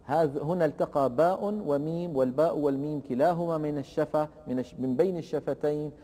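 A man teaching Quran recitation rules, explaining slowly and deliberately and chanting the verse examples in a drawn-out way. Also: a little high, steady tone, warm tone, in a large hall. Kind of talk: tajweed lesson with recited examples.

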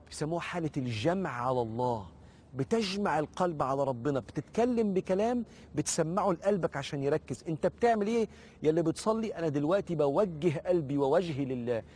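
A man with an Egyptian Arabic accent teaching a religious lesson in an earnest way, slowing down to recite verses. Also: on the high side, warm tone, slight background noise. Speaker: preacher.

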